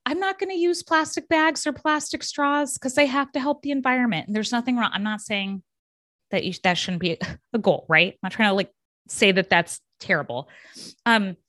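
A woman's voice: medium pitch, no echo, clean studio sound. A woman hosting her own podcast, talking passionately and emphatically, often checking in with her listeners with tag questions. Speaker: podcast host. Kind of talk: solo podcast monologue.

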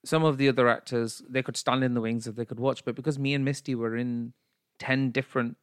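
A man's voice: medium pitch, fairly even intonation, brisk, clean tone, no room sound. Young man, camp podcast co-host telling stories, dry close sound. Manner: chatty storyteller, playful and camp. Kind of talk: casual chat.

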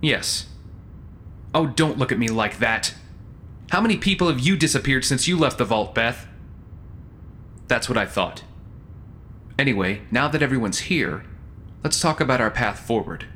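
Audio drama villain, male actor: calm, condescending, persuasive, bright forceful voice, faint rumble behind. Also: normal speed, pauses often. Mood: calm, confronting. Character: calm, self-assured male schemer defending his ruthless plan. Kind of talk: scripted audio drama acting.

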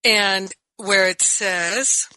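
A woman's voice: mid-range voice, steady tone, very slow, sharp tone, no room sound, low-quality recording. Exuberant woman hosting a radio show. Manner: exuberant, laughs often, gushing. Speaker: radio show host and spiritual teacher. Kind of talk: enthusiastic radio talk show teaching.

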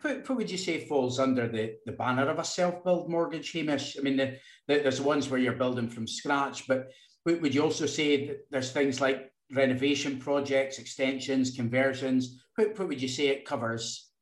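A man co-hosting a podcast in casual chat, halting and repeating small words as he goes. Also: medium pitch. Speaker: podcast co-host. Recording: roomy, echoey sound.

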